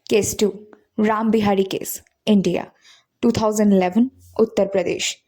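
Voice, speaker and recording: Hosting a video, a woman narrates scripted paranormal stories dramatically and suspensefully, dropping in English words. She speaks a little slowly in a mellow, medium-pitched, steady voice.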